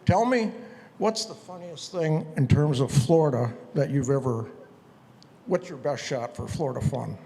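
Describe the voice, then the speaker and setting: A man with a Wisconsin accent asking a question from the audience, eager and halting. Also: a little high, vocal fry, dark tone. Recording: hall reverb from a far mic, faint noise.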